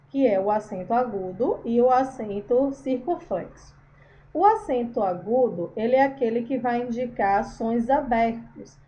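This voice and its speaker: A woman teacher walks her students through a grammar lesson in a patient, explanatory way, fond of little terms of affection. Her voice sits fairly high but sounds mellow and soft-edged. The recording is a bit dull and lo-fi.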